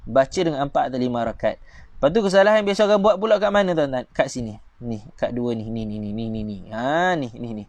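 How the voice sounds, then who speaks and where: A man with a Malaysian Malay accent teaching Quran reading online, patiently drilling pronunciation and chanting verses slowly. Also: mid-range voice, sing-song, a little mellow, no room sound, muffled recording. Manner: patient, repetitive pronunciation drilling, addresses viewers directly; slow drawn-out chanting for recited verses.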